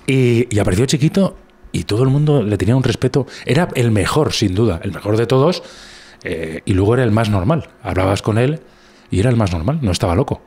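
Spanish male guest, husky and low, rambling storyteller in casual chat. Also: expressive, brisk, darkish tone. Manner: rambling anecdotes with many restarts. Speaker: guest comedian. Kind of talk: casual conversation.

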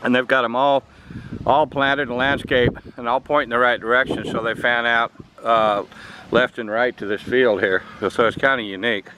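A man's voice: mid-range voice, fairly even intonation, normal speed, pushed and bright. An older American man chatting casually as he walks a tropical garden with a handheld camera, pointing things out. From United States. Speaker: travel vlogger. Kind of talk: casual travel commentary. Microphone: camera mic, handheld. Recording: outdoor noise on camera mic.

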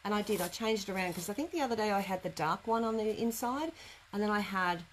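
Talking fast in a mid-range voice, a middle-aged woman gives a casual, loosely rambling live craft lesson in an indoor studio workroom. The audio quality is low, and room noise is easy to hear behind her.

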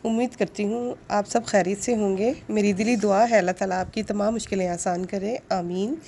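A woman with a soft, mellow narrates her shopping vlog in an earnest, courteous way. She pauses with small fillers as she talks. A faint hiss sits under her voice-over, which was recorded at home. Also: medium pitch, steady tone, vocal fry. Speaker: vlogger.

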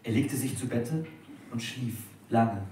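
Male reader, dramatic literary reading, heard from far off in a very echoey dining room with faint background noise. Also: medium pitch. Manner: measured, expressive. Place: restaurant at a live dinner reading.

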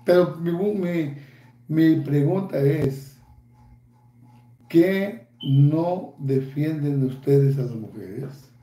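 A man's voice: fairly high pitch, drawn-out words, pauses often, warm tone, echoey room. A Mexican man in his fifties ranting angrily in a vlog, taunting and cursing constantly. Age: 50s. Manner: angry, profane, taunting. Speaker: YouTuber.

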